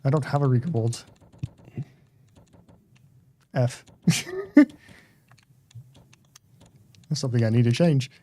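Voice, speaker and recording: Hesitant man, mid-pitched voice. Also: wildly swooping pitch, dark tone. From United States. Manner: halting, many fillers and restarts. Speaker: stream co-host. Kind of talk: casual chat while gaming.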